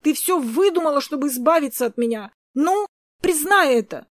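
A woman's voice: high-pitched, lively intonation, moderate pace, dry recording, studio quality, pitched above the performer's own voice. A woman voicing a jealous, spiteful young woman who taunts and sneers, in a read-aloud story.

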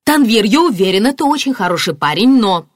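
A woman's voice: expressive, fairly quick, no room sound, clean studio sound, natural voice. A woman reading an audiobook, voicing a distraught middle-aged mother who flares up and cries out. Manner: shrill, flaring up.

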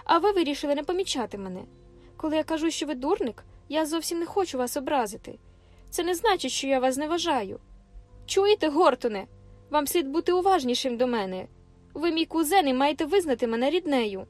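A woman's voice: high voice, lively intonation, brisk, voice pushed up. A woman reading an audiobook and voicing a proud, emotional young woman who pleads with her cousin, insistent and close to tears. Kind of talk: audiobook character voice. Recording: faint music behind the reading.

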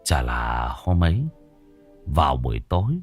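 A man narrating a horror story in a dramatic, expressive way, recorded on a close mic. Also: a bass voice, unhurried, soft background music.

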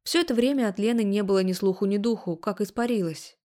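A woman telling a story in the first person, narrating an audiobook in an even storytelling manner. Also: mid-range voice, quick pace.

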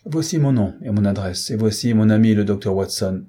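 Man doing calm clipped detective, low mellow husky voice. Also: a little fast, natural voice. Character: cool, composed gentleman detective. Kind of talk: audiobook character reading.

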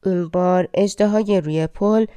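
Fairy tale audiobook narrator, woman, low mellow voice, dry close sound. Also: clean tone, dry recording. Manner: measured, dramatic storytelling.

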